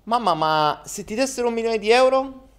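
A man's voice: very high voice, animated, normal speed, clear, resonant tone, voice pushed up. A man voicing a cheeky little boy in a raised, eager voice.

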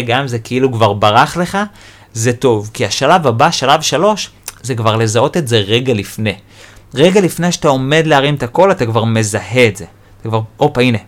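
A podcast host who teaches personal development explains growth in an animated monologue, acting out inner thoughts and repeating key phrases. His voice is mid-range.

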